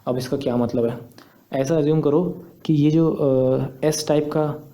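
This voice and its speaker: A man's voice: fairly high pitch, fairly even intonation, unhurried, warm tone. A young man, patiently explaining step by step in a screen tutorial. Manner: patient, step-by-step, repeats points. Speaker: teacher.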